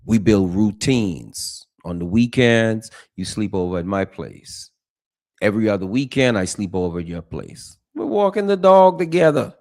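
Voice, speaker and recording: A man's voice: on the low side, expressive, moderate pace, darkish tone. A man hosting a casual relationship advice talk, emphatic and addressing listeners directly. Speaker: podcast host.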